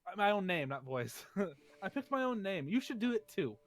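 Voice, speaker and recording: A man's voice: sits high, big pitch swings, moderate pace, faint music behind. A man playing a tabletop role-playing game, bantering in character in a playful, mock-formal way.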